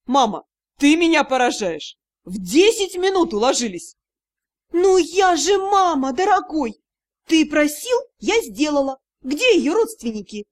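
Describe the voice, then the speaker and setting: A woman voicing a dramatic, bossy dark elf mother who wails and commands, in an audiobook. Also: sits high, expressive, unhurried, pitched above the performer's own voice. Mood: proud. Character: overwrought dark elf mother, loud and theatrical.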